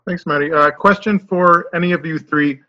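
A man's voice: fairly high pitch, fairly even intonation, normal speed, pushed and bright, dull audio. A man, a reporter, asking a detailed question remotely at a press conference.

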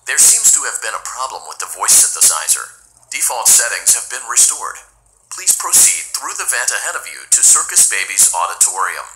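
Synthesized computer assistant, male, polite and even, low pitch, lively inflection, noisy game capture. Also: fairly quick, soft background music, heavily acted. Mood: instructing. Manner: polite, even, system-announcement delivery.

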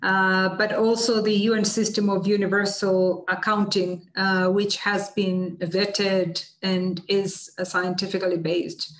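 A middle-aged woman from Tanzania answering seminar questions on a video call, measured and full of fillers. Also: medium pitch, flat delivery. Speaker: guest speaker, UN official. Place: office with banners behind. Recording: roomy video call audio.

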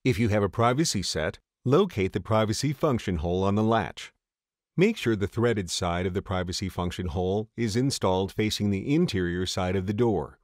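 A man reading a scripted voice-over for a step-by-step installation tutorial, in a steady, measured way. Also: on the low side, dry recording, studio quality. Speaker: tutorial narrator.

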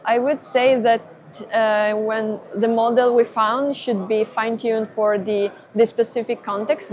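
A young woman explains a technical system at a trade-fair booth. She talks methodically, step by step, with small pauses and fillers. Her voice is close on a lapel mic. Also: on the high side. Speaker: perception engineer guest.

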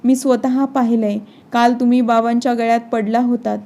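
A woman voicing a blunt, hot-tempered grown son in a storybook narration, read in a steady, even way. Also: very high voice, fairly quick. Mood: sarcastic. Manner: blunt, sarcastic. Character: grown son, blunt then torn and furious.

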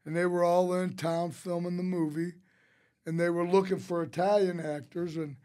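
A restaurateur from St. Louis, United States, appears as an interview guest in a small podcast studio, rambling through casual anecdotes and animatedly quoting other people. His voice is high and his pace moderate. He speaks into a close studio mic on a boom arm.

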